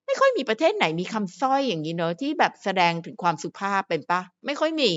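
A woman's voice: medium pitch, dull audio. A woman vlogger who relays and translates an interview in a chatty, rambling way with lots of asides. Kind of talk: casual chat.

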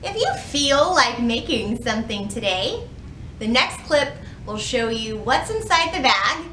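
In a library, a woman in her thirties hosts storytime as a children's librarian, her fairly high voice expressive and animated as she talks straight to the young listeners. She keeps a measured pace. The recording is low quality, with slight background noise.

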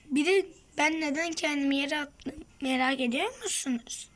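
A woman's voice: high voice, normal speed, fairly bright tone, slight background noise. A woman giving casual gameplay commentary, muttering to herself and often dropping to a whisper. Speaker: gaming streamer.

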